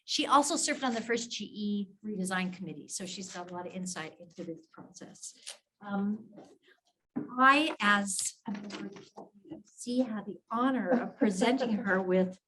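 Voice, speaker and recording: A woman's voice: medium pitch, moderate pace, fairly bright tone, poor audio. A woman hosting a session and informally introducing a speaker in a small conference room. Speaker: session host, history faculty member. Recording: faint noise in meeting room.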